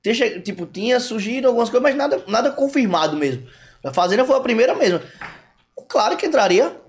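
A young Brazilian man, a guest, telling a story in slangy, animated casual chat on a podcast. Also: extremely high pitch, fast.

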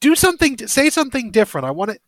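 Lively, teasing man co-hosting a podcast. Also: very high voice, rapid-fire, no room sound. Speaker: podcast co-host. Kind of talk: casual chat.

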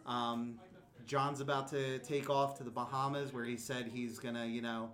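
A man's voice: mid-range voice, level tone, moderate pace, a bit bright. A man hosting a podcast in casual chat, rambling with lots of fillers and laughing often, recorded in a comic book store. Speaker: podcast host.

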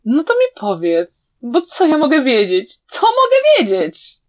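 A woman voicing a cunning, cruel young male villain who sneers, shouts and laughs manically, in a slightly dull recording. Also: on the high side, very animated, measured pace, voice pushed up. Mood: shouting.

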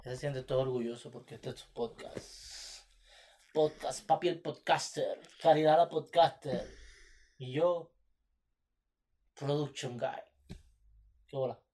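Teasing man, slightly high voice. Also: unhurried, darkish tone. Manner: teasing, playful banter. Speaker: podcast host and producer. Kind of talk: casual couple chat.

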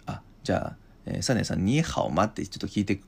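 A male language teacher on a podcast lesson, explaining slowly with many hesitations and restarts. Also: low voice, sing-song, creaky, darkish tone, breathy edge.

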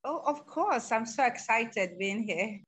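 A woman joining a conversation as a guest, speaking over the phone in a friendly, slightly hurried way. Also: a little high, animated, a bit bright, breathy edge. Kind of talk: casual conversation.

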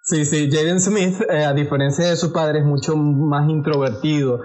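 A man with a Venezuelan accent in casual chat, telling stories with animated delivery and acting out other people's voices. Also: fairly high pitch, moderate pace, a crowd in the background. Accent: Venezuelan Spanish.

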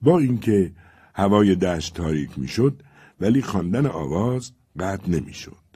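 Deep husky male storyteller. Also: no echo, clean studio sound. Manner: expressive, theatrical storytelling. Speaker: narrator. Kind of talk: audiobook narration.

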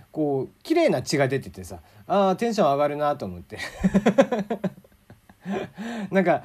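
A man's voice: a little high, a little mellow. A man hosting his own casual talk show, chatty and rambling, often stopping to correct himself. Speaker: podcast host. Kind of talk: casual solo radio talk.

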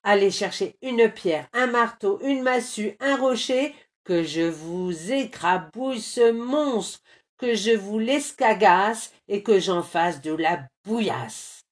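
A woman doing a loud blustering storybook bear. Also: on the high side, slow, pitched above the performer's own voice. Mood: furious. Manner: grumbling then bellowing. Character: blustering male bear, strong and sleepy. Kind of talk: storybook reading.

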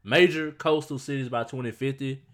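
Mid-range male co-host, relaxed news-read-and-riff delivery, casual podcast. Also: mid-range voice, a little fast. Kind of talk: casual chat.

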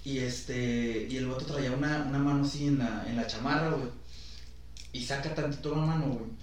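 A young man with a Mexican accent telling a story on a casual podcast, full of crude slang and lively retelling. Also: medium pitch, a little fast. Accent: Mexican Spanish. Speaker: podcast host. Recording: echoey room, far from mic, faint noise.

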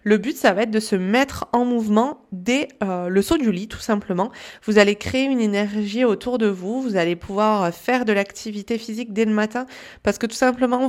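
Woman, wellness coach, casual spoken advice, chatty, frequent hesitations, mid-range pitch. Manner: chatty, many pauses with "euh" and "hop".

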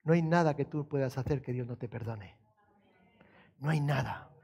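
A pastor with a medium-pitched, gravelly voice and a breathy edge preaches at normal speed. His sermon is conversational, with questions to the congregation and scripture quotes, shifting between quiet storytelling and raised, emphatic passages.

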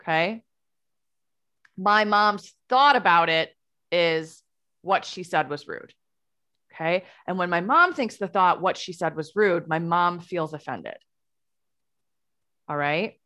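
A woman with a somewhat low voice hosts a podcast and talks as a life coach. She explains at an easy, casual pace and keeps checking in with her listeners. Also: slow pace, pauses often, pushed and bright. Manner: explanatory, frequent "okay?" and "right?" check-ins.

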